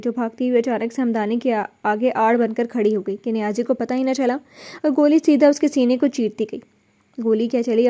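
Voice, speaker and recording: A woman narrating a dramatic novel in an expressive, emotional style. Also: fairly high pitch.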